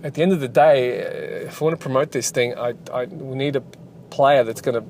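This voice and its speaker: A man's voice: medium pitch, steady tone, a little fast, darkish tone. A man who develops games, chatting casually and rambling while driving, with lots of fillers and restarts. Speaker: game developer and channel host. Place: inside a car while driving. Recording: road noise inside a moving car.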